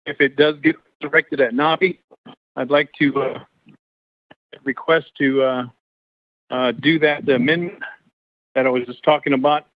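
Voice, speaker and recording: A man speaking as a council delegate in a committee meeting. He is calling in on a glitchy line that keeps breaking up, and he asks pointed questions in halting bursts. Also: medium pitch, steady tone, no room sound. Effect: breaking-up glitchy call audio. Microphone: remote call-in line. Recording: dull muffled call line, cutting in and out.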